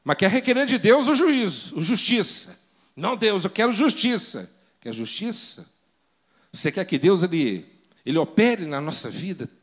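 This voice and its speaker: Animated preacher. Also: male voice, sits high, normal speed. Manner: dramatic, rhetorical questioning. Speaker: pastor. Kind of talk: sermon.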